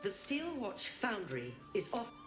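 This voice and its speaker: A woman's voice: mid-range voice, huge pitch swings, unhurried, echoey room, music in the background. A woman playing a cold mechanical sentry in a video game, with formal, clipped, officious speech. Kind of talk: video game character acting.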